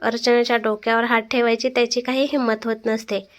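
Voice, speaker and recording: Woman narrator, fairly high voice, expressive dramatic family story, steady reading. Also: fairly quick.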